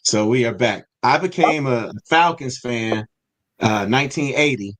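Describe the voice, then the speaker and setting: A man's voice: mid-range voice, unhurried, a bit bright. A middle-aged man from Atlanta, a podcast co-host telling his story in a friendly, grateful way. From Atlanta, USA. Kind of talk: casual chat.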